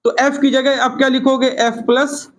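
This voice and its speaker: A man's voice: extremely high pitch, little pitch movement, normal speed. A middle-aged man giving a classroom physics lecture, explaining step by step and often addressing his students as children. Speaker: physics teacher.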